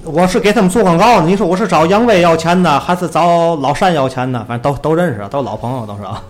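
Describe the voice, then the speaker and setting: A man's voice: fairly high pitch, fast, faint music behind. Tianjin-accented man in casual chat. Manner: colloquial, demonstrating local dialect phrases. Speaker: show host.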